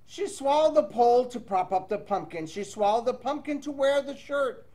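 Reading aloud to children with playful, sing-song delivery and chatty side comments, this man has a very high voice with a dark tone and speaks at normal speed.

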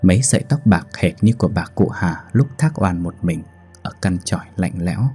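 A man who hosts a ghost story channel, narrating a folk ghost tale in a steady, dramatic manner. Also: deep voice, moderate pace, soft background music. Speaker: storyteller host.

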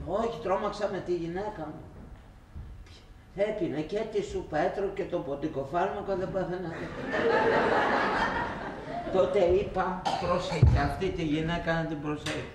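A man's voice: high voice, pauses often, roomy sound, far from the mic, very noisy. Wisecracking crude man, heard from afar. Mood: bawdy. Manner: crude, wisecracking, deadpan punchlines. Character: crude joking man swapping bawdy stories. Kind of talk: film comedy acting.

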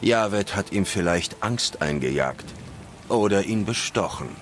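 A male actor playing a terse, stoic monster hunter in a fantasy video game, gravelly and deadpan. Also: low voice, a little slow, slight background noise. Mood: stoic, dry. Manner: laconic, deadpan. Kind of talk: scripted video game dialogue in German dub.

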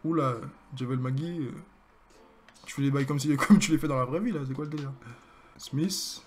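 A young man with a French accent commentating his own basketball video game, excitable and joking as he hypes his plays. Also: mid-range voice, normal speed. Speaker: gaming streamer. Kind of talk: live gameplay commentary.

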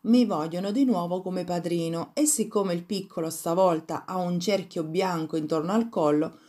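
A woman voicing a sly, greedy male house cat in a fairy tale reading, speaking smoothly and evasively. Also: fairly low pitch, moderate pace, warm tone, close to an everyday voice. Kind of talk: storybook reading.

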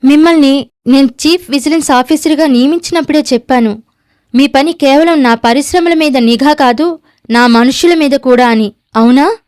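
A woman's voice: sits high, moderate pace, darkish tone, dry recording, studio quality. A woman narrating a novel aloud, reading every character's lines herself in a near-natural voice. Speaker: audiobook narrator.

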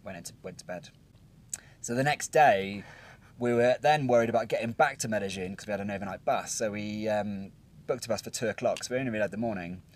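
Speaking quickly in a lowish voice, a young British man recaps his trip for his travel vlog. He sits outside at a hilltop viewpoint and rambles casually, full of ums and false starts.

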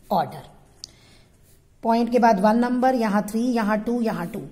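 A woman's voice: a little high, a little mellow, long reverb tail. A woman math teacher explaining a lesson step by step, asking her students questions and answering them herself. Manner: patient, asks and answers her own questions. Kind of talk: classroom-style tutorial explaining at a board.

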